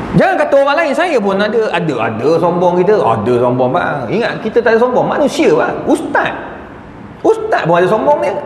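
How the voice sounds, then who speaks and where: Malaysian male lecturer, high pitched and very animated, storytelling, echoey hall recording. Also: slight background noise. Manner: animated anecdotes, acts out quoted voices. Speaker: religious lecturer. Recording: echoey hall with faint ambience.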